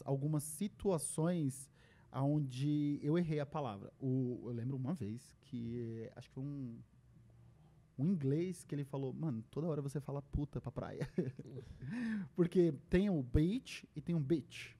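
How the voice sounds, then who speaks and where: A man's voice: fairly high pitch, slow pace. A young adult man with a Brazilian Portuguese accent, a podcast guest telling stories in casual conversation and acting out the lines he quotes. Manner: animated storyteller who acts out quoted lines.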